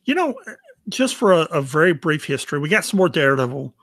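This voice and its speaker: A man's voice: on the high side, big pitch swings, fast talker, a bit bright, no room sound, clean studio sound. A man co-hosting a comic book podcast, talking casually and with enthusiasm about back issues. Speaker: podcast co-host.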